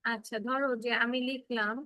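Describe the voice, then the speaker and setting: Casting: high-voiced woman teacher, patient, keeps checking the kids follow. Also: steady tone, normal speed, pushed and bright, no room sound. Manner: patient, repeats and checks understanding. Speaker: English teacher. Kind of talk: online kids' class, explaining phonics.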